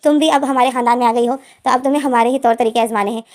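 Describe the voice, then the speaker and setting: A woman's voice: a little high, steady tone, quick pace, natural voice. A woman voicing a mischievous, pushy young woman who coaxes and insists. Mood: coaxing. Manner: coaxing, insistent.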